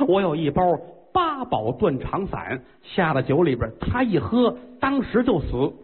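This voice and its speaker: A man's voice: a little high, wildly swooping pitch, unhurried, slightly rough, long reverb tail, heavily acted. A man voicing a cold, ruthless young queen plotting to poison her father. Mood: scheming. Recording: tinny phone-like sound.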